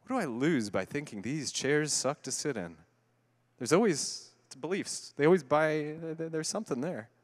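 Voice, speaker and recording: A man giving a conference keynote talk, animated and conversational with playful asides to a live audience. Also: on the high side, normal speed, long reverb tail. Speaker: keynote speaker. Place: large conference hall before an audience.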